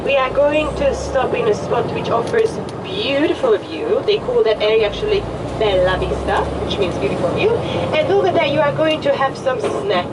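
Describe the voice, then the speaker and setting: A woman with a Hungarian accent, a tour guide giving chatty, joking commentary on a coach, her voice a little hoarse. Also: a little high, lively intonation, moderate pace. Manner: friendly, chatty, joking with the group. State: slightly hoarse. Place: tour bus. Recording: distant voice with vehicle noise.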